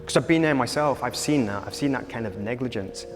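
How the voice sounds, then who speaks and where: A man manages children's homes and speaks in an earnest, halting manner, often repeating words as he is moved. His voice sits at a middle pitch. It is heard in a reverberant room with faint music underneath. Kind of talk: emotional interview testimony.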